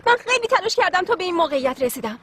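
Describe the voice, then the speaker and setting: A woman's voice: extremely high pitch, very animated, a bit bright, exaggerated voice. A woman dubbing a proud young woman who insists her fiancé choose her over his family, speaking with emotion. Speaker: dubbing actor. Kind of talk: Persian dub of a Turkish series.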